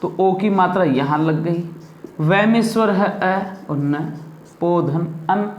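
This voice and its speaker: Slow, echoey Indian male teacher. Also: high-pitched, lo-fi sound. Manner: asks pupils questions and answers them himself. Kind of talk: classroom lesson on Hindi grammar.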